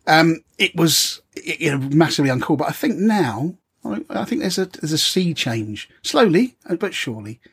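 A man's voice: on the high side, sing-song, moderate pace, hardly any pauses, fairly bright tone, slightly rough. A middle-aged British man hosting a casual interview in a chummy, rambling way. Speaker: interviewer, host.

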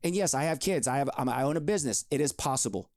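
A man's voice: mid-range voice, animated, fast talker, a little mellow, no echo, clean studio sound. A man in his forties hosting a solo health podcast, talking in an upbeat, emphatic, motivational way. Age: 40s. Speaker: podcast host.

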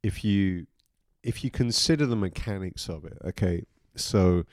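Man co-hosting a podcast, very deep voice, hesitant, restarts a lot, dry close sound. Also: unhurried, a little mellow, dry recording. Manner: hesitant, restarts while reasoning. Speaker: podcast co-host. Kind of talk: casual chat.

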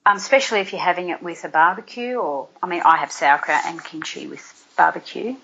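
A woman's voice: fairly low pitch, expressive, brisk, fairly bright tone, a little hiss or hum. A middle-aged woman, a guest nutrition expert, explaining food and gut health in a chatty, practical way with everyday examples. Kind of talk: casual explanatory chat. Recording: dull lo-fi audio.

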